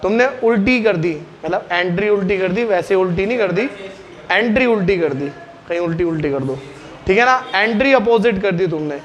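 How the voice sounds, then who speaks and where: A man with a high, expressive voice drills his class with quick questions and gets them answering aloud. The highs in the audio are cut off.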